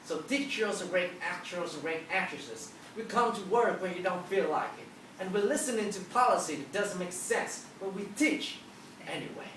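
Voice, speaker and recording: A woman's voice: lowish voice, animated, normal speed, a bit bright. A mature woman speaking as a teacher in a motivational talk, telling stories emphatically and acting out dialogue. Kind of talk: motivational talk to a live audience. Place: large auditorium with an audience. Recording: echoey hall, distant, noisy.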